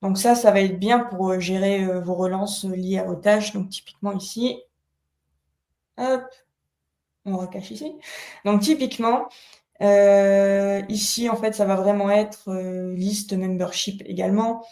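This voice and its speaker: A woman giving a live webinar software demo, explaining step by step with many fillers and restarts. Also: mid-range voice, steady tone, unhurried, echoey room. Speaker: product co-founder demoing software in a webinar.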